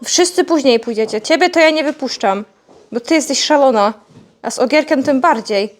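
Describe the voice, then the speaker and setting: A woman's voice: high-pitched, lively intonation, moderate pace, slight background noise. A young woman vlogging outdoors on a farmyard, chatting casually to her animals and playfully scolding them.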